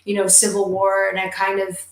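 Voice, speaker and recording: An enthusiastic woman chatting casually as a co-host, emphatic and quick to gush. Her voice sits at a middle pitch. It rings a little in a roomy space. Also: completely flat delivery. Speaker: podcast co-host. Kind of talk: casual chat. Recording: roomy echo.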